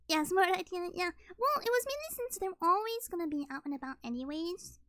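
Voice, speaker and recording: High, bright young woman streamer. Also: lively intonation, fairly quick, no room sound. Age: early 20s. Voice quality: slightly scratchy voice. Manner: rambling, many ums and likes. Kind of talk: casual livestream chat.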